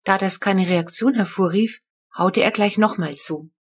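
Woman reading a children's story, breathy. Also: mid-range voice, a little slow. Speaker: author reading her book. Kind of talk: audiobook narration.

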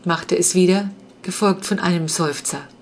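A woman's voice: on the low side, moderate pace. A woman reading a children's adventure audiobook as the narrator, in a suspenseful storytelling manner. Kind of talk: scripted narration.

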